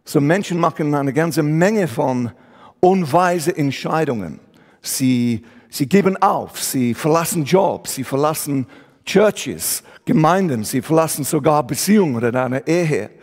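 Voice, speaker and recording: A guest preacher from England, with an English accent, gives a German-language sermon in a church hall, searching for words and blending in English. His voice is a little high and darkish, animated but unhurried.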